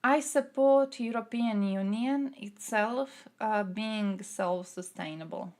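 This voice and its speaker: Croatian woman, gravelly casual streamer voice. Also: mid-range voice, takes it slowly, a little mellow. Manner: thinking aloud with fillers, reads chat questions out. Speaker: streamer answering chat. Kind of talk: casual political chat.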